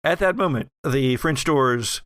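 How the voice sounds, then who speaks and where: A man acting as game master improvises descriptive narration for a tabletop horror game, halting and correcting himself as he goes. His mid-range voice has a fairly bright tone with no echo.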